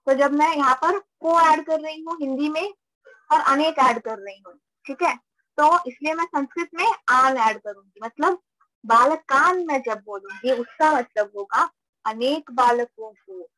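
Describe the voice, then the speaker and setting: A woman's voice: high voice, measured pace, pushed and bright, no room sound, rough recording. A woman teaching a live online class, patiently repeating points and checking that students follow. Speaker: Sanskrit teacher.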